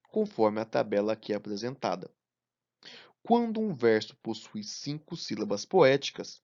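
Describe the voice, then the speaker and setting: A man narrating a recorded lesson, slow and deliberate, counting syllables aloud one by one. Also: medium pitch, a little mellow, dull audio. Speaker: teacher.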